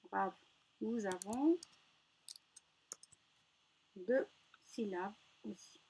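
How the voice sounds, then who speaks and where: A woman teaching a reading lesson to young children, slow and patient, praising answers and sounding out each word. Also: medium pitch, dark tone, husky. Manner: patient, encouraging, spells out syllables. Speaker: primary school teacher.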